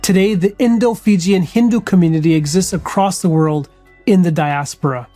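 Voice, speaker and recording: A woman reading scripted documentary narration in a measured, solemn manner. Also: on the low side, mellow, faint music behind.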